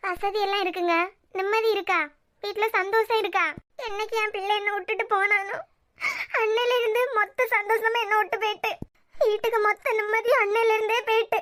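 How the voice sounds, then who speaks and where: Woman voicing a grieving cartoon mother, Kanyakumari Tamil accent, very high voice, dry close sound. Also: fairly even intonation, a little fast, fairly bright tone, no room sound. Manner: tearful lament. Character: grieving middle-aged mother, anxious, tearful. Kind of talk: cartoon web series dialogue.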